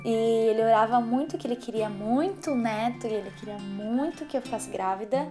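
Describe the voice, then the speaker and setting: Brazilian woman vlogger, music behind. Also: fairly high pitch. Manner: animated storyteller acting out quoted voices. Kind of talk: casual storytelling vlog. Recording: music playing under the voice.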